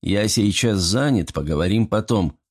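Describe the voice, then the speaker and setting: A man voicing a stern, blunt young prince with a gruff, curt way of speaking. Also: fairly low pitch, animated, moderate pace.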